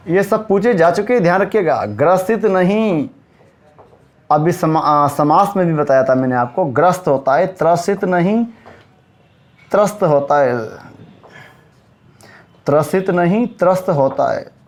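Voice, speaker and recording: A man teaching a spoken grammar lesson, stressing and repeating each correct word form and speaking straight to his students. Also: on the high side. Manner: emphatic, repeats correct word forms slowly; addresses students directly, asks and answers himself.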